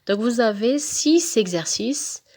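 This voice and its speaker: A woman's voice: on the high side, animated, darkish tone. Woman teacher spelling out syllables. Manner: slow, spelling out syllables and letters; switches into fast Arabic asides. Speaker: primary school teacher. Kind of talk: correcting a primary school exam.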